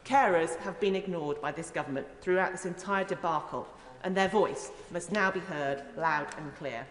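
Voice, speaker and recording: In a large, echoey debating chamber, a woman who sits in parliament makes an earnest, rhetorical, emphatic speech as part of a formal debate. She has a fairly low pitch and keeps a moderate pace.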